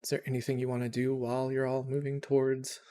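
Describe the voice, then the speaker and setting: A man's voice: medium pitch, monotone, fast talker, mellow. Casual man running a tabletop game. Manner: casual, rambling with restarts. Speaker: game master.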